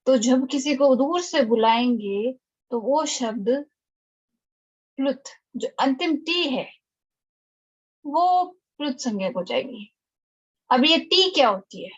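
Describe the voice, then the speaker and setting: A woman leads an online class in a fairly high voice. She explains each point step by step and keeps checking that her students are with her. The sound is dull and lo-fi, like a streamed lesson. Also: animated, slow pace, pauses often, slightly rough. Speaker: teacher. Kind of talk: online lecture.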